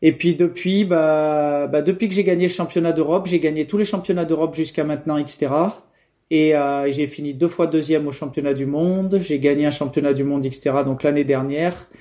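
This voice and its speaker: A man's voice: on the high side, steady tone, moderate pace, warm tone. A young man from France answering interview questions in a casual, hesitant way, with many fillers and restarts. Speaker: guest, professional triathlete.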